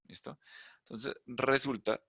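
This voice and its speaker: A man's voice: mid-range voice, fairly even intonation, slow, gravelly, bright, forceful tone, breathy edge, dry recording, clean studio sound. A man teaching an online class, explaining step by step and often checking with his students that they follow. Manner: explanatory, checks in with "¿listo?" and "¿vale?"; thinks aloud, hums while searching the screen. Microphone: computer mic on a video call.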